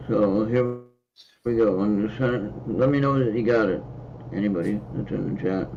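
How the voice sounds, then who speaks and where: Gravelly American man rambling on a stream. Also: fairly low pitch, moderate pace, slight background noise. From United States. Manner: rambling, with hesitant fillers and repeats. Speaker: host and card reader. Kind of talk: casual livestream chat. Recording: slightly dull lo-fi stream audio.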